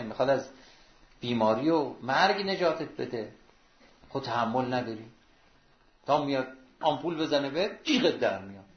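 A man preaching a sermon, emphatic and exhorting, with sudden rises and hushed drops, in a roomy, dull recording. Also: on the low side.

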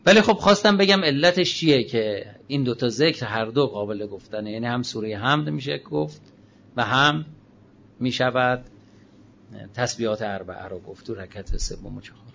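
A man's voice: creaky, muffled recording, slight background noise. Man giving a religious lecture, dynamic. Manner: swings from emphatic raised phrases to quiet low asides, drawn-out sacred phrases. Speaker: Islamic cleric.

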